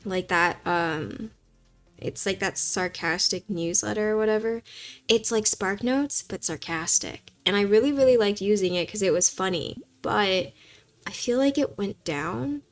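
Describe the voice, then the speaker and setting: A young woman streaming a game, chatting in a rambling, animated way and pleading with herself when the game gets tense. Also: mid-range voice, a little slow, faint music behind. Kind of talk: casual gameplay chat.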